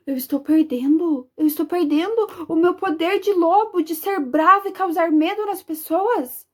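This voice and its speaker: A woman's voice: very high voice, unhurried. A woman doing a sulky storybook wolf. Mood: dismayed. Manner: whiny then chanting loudly. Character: sulky male wolf, proud then deflated.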